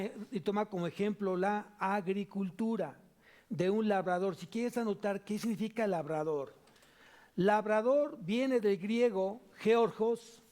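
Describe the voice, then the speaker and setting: A man with a Mexican Spanish accent preaching a sermon in church as pastor, emphatic, repeating key phrases and moving between loud and soft delivery. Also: high-pitched. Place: church sanctuary.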